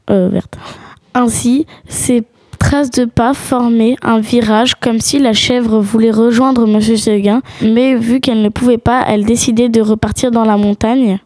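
A woman narrates a storybook tale as its storyteller. Her voice sits fairly high, and the sound is close and dry, free of room echo. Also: a little mellow.

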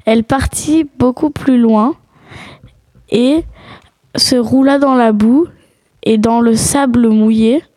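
A woman's voice: a little high, slow, pauses often, warm tone, dry recording. A woman telling a children's animal tale as a storybook narrator.

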